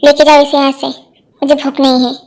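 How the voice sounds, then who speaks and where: A woman's voice: sits high, little pitch movement, brisk, a little mellow, close to an everyday voice. A woman voicing a cold, short-tempered young husband who speaks curtly and harshly. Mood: cold angry. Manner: curt, harsh, scornful.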